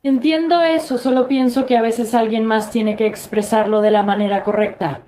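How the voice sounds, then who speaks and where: A woman's voice: a little high, steady tone, normal speed, mellow. Thoughtful woman asking from the audience. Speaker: audience member asking a question. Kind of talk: audience question at a talk.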